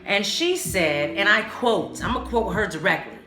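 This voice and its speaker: This solo podcast host has an expressive, sharp mid-range voice and talks at normal speed, candid and emphatic, full of slang and swearing. Her voice has a roomy echo, with background music.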